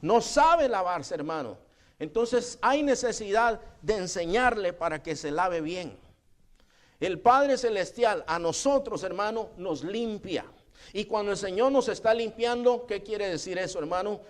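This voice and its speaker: A man preaches a sermon in a fairly high voice. He keeps turning to his listeners as brothers, and his asides drop to a quiet mutter. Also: lively intonation, unhurried. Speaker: pastor.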